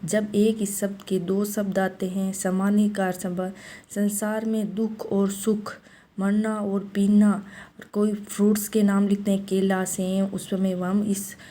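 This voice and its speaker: A woman giving a classroom-style grammar lesson, explaining step by step and slowing down to read out example sentences. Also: medium pitch, level tone, mellow. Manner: explains step by step, often saying "look". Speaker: teacher.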